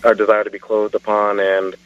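A man's voice: fairly low pitch, monotone, brisk, smooth. A man calling in to a radio show over a phone line, asking his question hesitantly and searching for words with many fillers. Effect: caller heard over a phone line.

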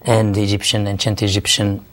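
Low-voiced scholar, wry and hesitant. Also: male voice, completely flat delivery, moderate pace, fairly bright tone. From France. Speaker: biblical scholar, guest. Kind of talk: interview.

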